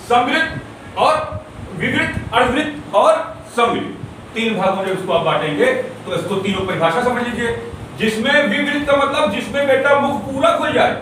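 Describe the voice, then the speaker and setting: High-pitched guy teaching a class, big echoey room, faint hiss. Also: fairly bright tone, distant mic. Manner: repeats sounds slowly, checks understanding with students. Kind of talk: classroom grammar lecture.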